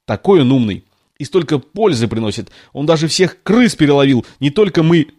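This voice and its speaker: A man with a slightly high, darkish voice reads a storybook, animatedly and briskly voicing a chatty, tactless little girl. The character is eager and gushing, rambling on with apologetic chatter.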